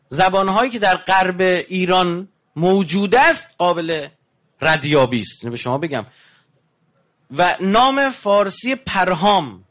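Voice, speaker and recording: A man giving a religious lecture, animated with rising emphasis, dropping low and hushed when he tells a story. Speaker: preacher. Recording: dull lo-fi recording.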